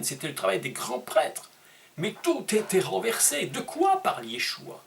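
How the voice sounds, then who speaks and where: A man preaching a sermon, emphatic and teaching, asking rhetorical questions and leaping up in pitch on key words. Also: gravelly, a bit bright. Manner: emphatic teaching tone with dramatic pitch leaps and slowed stressed words.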